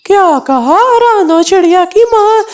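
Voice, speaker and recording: A woman's voice: very high-pitched, lively intonation, measured pace, a little mellow, faint music behind. A woman voicing a scheming, bullying male crow in a cartoon, with a mocking, boastful manner. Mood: muttering.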